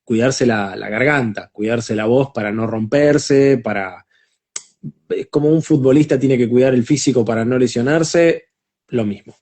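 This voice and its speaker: A man in a relaxed interview, thinking aloud as he answers. His voice sits at an ordinary middle pitch, and he keeps circling back on his words with small restarts before going on. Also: moderate pace. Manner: reflective, many small restarts. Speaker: voice actor guest. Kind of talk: casual interview.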